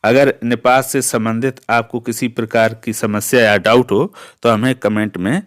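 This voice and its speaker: A man's voice: mid-range voice, steady tone, normal speed. A man teaching a Hindi grammar lesson, explaining step by step and asking himself rhetorical questions.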